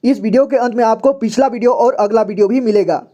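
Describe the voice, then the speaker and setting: A man's voice: very high voice, quick pace, dark tone. A man teaching a beginners' reading lesson, patiently sounding out syllables one by one and checking in with frequent "okay?" asides. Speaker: Hindi teacher.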